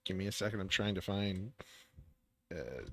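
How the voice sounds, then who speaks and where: A man running an online tabletop role-playing game as game master, halting and distracted as he manages things. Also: deep voice, lively intonation, bright, forceful tone, no echo, studio quality.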